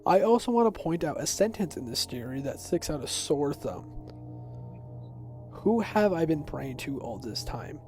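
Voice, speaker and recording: This young narrator, teens to young adult, walks viewers through an explainer essay in a loose, personal tone with music playing behind him. His pitch is fairly high and his tone dark, and he sounds very animated while keeping a normal speed.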